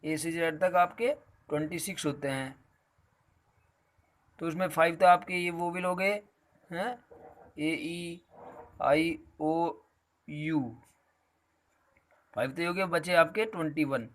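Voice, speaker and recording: A man's voice: fairly high pitch, normal speed, pauses often, fairly bright tone. A man teaching a grammar lesson, explaining patiently and calling his students "beta" again and again.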